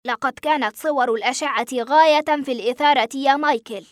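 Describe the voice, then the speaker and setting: A woman's voice: high voice, fast talker, dry recording, studio quality, close to an everyday voice. A woman voicing a cold, ruthless male rebel general who gives curt orders. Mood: cold commanding. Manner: curt, commanding.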